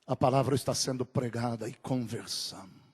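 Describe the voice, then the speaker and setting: A man preaching a sermon, moving from low, quick talk to drawn-out shouted climaxes. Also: slightly rough.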